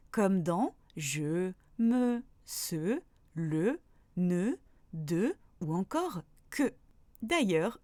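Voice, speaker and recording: A woman teaching a pronunciation lesson, saying each example word slowly and deliberately. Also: mid-range voice, mellow, dry recording. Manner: slow, deliberate, spells out example words. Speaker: French teacher.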